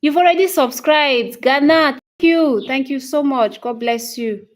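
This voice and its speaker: Slow-talking Cameroonian woman in her thirties. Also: high-pitched. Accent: Cameroonian English. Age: 30s. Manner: greets viewers by name and answers their comments one by one; repeats phrases, checks in with "okay?". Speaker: English teacher hosting a livestream. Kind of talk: casual livestream chat.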